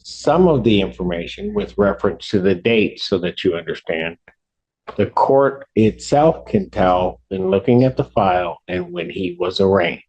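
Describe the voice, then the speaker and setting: Formal, deliberate male judge. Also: lowish voice, very animated, a little mellow, slightly rough, lo-fi sound. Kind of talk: courtroom ruling from the bench.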